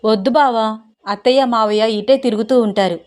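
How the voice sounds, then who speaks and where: A shy young wife with a coy, teasing manner, put on by a female storyteller. Her voice goes a little higher and brighter than plain narration, pleading and playful. Told in a spoken romance story. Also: normal speed, lightly acted.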